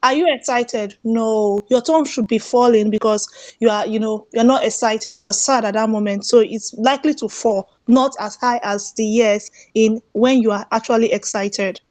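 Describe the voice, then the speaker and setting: A woman's voice: fairly high pitch, fairly even intonation, normal speed, a little mellow, no echo, rough recording. Polite young woman student. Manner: polite, addresses teacher as sir. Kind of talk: answering in class.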